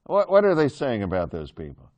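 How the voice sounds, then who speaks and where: A man's voice: mid-range voice, huge pitch swings, a little fast, a little mellow. A male Bible teacher talks his class through a passage in an easy, chatty way. He jokes with the students and keeps pulling answers out of them. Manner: chatty, joking with the class, asks questions.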